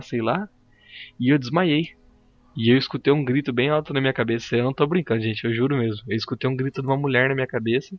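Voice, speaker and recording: A man's voice: medium pitch, muffled recording. A Brazilian man on a casual podcast, earnestly telling a spooky personal story. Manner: earnest, insistent, rapid storytelling.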